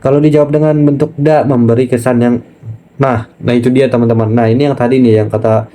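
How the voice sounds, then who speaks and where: A man teaching a casual online language lesson, chatty and relaxed, often pausing on fillers and speaking to viewers as friends. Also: medium pitch. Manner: chatty, keeps saying "nah" and addressing viewers as friends.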